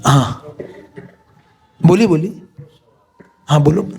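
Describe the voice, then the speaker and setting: A man's voice: a little high, slow pace, darkish tone. A man teaching a devotional course, explaining in Hindi with English phrases and chanting prayers. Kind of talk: devotional class lecture.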